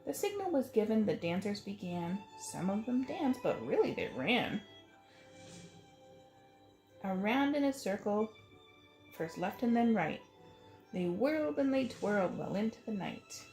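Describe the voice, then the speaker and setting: A woman reads a rhyming picture book aloud to children, with dramatic, sing-song phrasing and a very animated, expressive delivery. Her mid-range voice has a darkish tone and a measured pace with long pauses. The recording sounds roomy, with echo and faint music.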